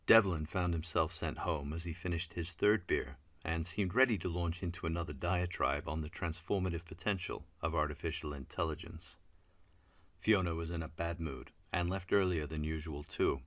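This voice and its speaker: A man reading an audiobook in a measured, wry scripted narration. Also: low-pitched, a bit bright, no echo.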